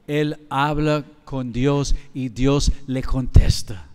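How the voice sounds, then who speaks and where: A man's voice: medium pitch, fairly even intonation, takes it slowly, a little mellow, clear, resonant tone. A middle-aged man with a Mexican accent, preaching a sermon as pastor in a conversational way, mixing in quoted dialogue. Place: large church hall. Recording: church hall with long reverb.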